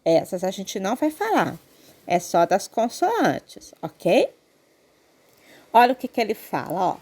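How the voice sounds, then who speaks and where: A woman teacher with a Brazilian Portuguese accent gives an online Portuguese lesson to children, patiently explaining grammar and checking in with them often. Her mid-range voice has a darkish tone, moves unhurriedly, and swings widely in pitch.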